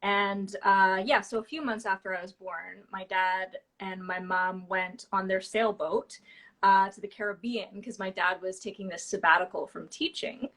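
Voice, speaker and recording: A woman from Toronto, Canada, appears as a guest in a relaxed interview, speaking with a medium-pitched, mid-range voice. She tells a long, loose, rambling story packed with fillers, restarts, and quick laughs, over slight background noise.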